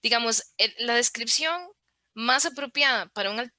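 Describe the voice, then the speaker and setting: Female podcast guest, higher pitch, bright tone, clear and teaching-minded, dry sound. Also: moderate pace, no room sound. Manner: clear, didactic, explains with examples. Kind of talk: explanatory interview talk.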